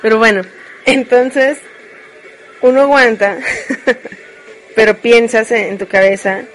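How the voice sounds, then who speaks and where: A woman's voice: a little high, slow pace, slight background noise. A woman with a Mexican accent chatting casually and frankly to live viewers, joking as she rambles through her confessions. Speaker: streamer.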